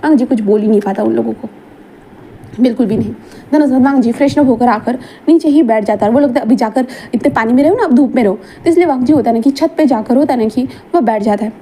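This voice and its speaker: A woman's voice: on the high side, fast, dark tone, slight background noise. A woman casually narrating a fanfiction story, rambling and correcting herself as she goes. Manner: rambling, repeats and self-corrects.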